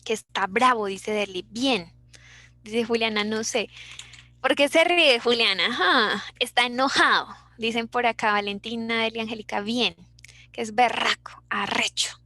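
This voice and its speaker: A woman's voice: a little high, normal speed, sharp tone, no room sound. A young Colombian woman with a Bogotá accent, teaching an online class in a chatty way and reading out her students' answers. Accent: Bogotá Colombian Spanish.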